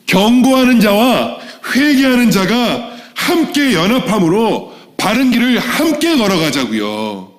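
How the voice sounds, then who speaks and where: A middle-aged male pastor preaching a sermon, swinging between soft low asides and raised exhortation.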